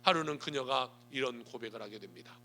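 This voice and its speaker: A male pastor preaching a sermon, telling a story and swinging between hushed asides and loud emphatic lines. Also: medium pitch, brisk, slight background noise. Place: church sanctuary.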